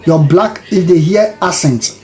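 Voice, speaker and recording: A man from Africa, giving casual commentary in an animated, preachy way that repeats itself. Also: high voice, a little slow, rough recording.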